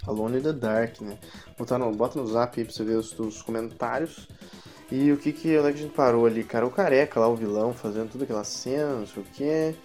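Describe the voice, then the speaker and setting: A man co-hosts a loose podcast, recounting a film's scenes in a rambling, slangy and profane way. He breaks into laughter often, at a mid-range pitch. Faint music sits under the conversation. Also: quick pace, darkish tone. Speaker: podcast co-host. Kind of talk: casual film-review chat.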